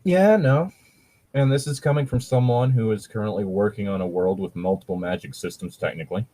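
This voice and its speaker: Reading out fan fiction to make fun of it, this podcast co-host swears a lot and grumbles dryly while picking it apart in casual conversation. His voice is fairly low and dark in tone, and he talks fairly quickly.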